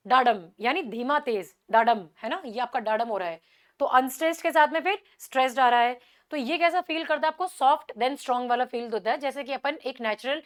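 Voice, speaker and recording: High-pitched woman teaching poetry. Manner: explanatory, checks in often with tag questions; slows down to recite poem lines. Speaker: English teacher. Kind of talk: exam-prep lecture.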